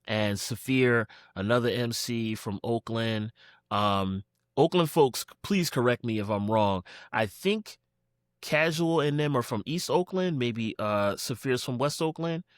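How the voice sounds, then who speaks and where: A man's voice: medium pitch, unhurried, smooth, no echo, clean studio sound. A man from Philadelphia, a podcast guest, talking casually about music with lots of fillers and acted-out quotes. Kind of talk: casual conversation.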